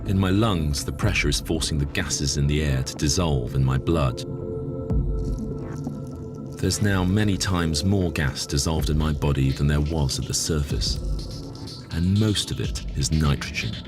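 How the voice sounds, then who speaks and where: A man narrating a science documentary as a calm, scripted voice-over. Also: extremely low pitch, a little slow. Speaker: documentary presenter. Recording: voice-over over loud music.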